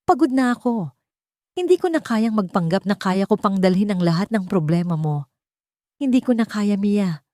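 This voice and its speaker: A woman voicing a cold, weary adult man in an audio story, speaking flatly without feeling. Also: medium pitch, normal speed, no room sound, studio quality, pitched above the performer's own voice, close to an everyday voice. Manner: cold, flat delivery.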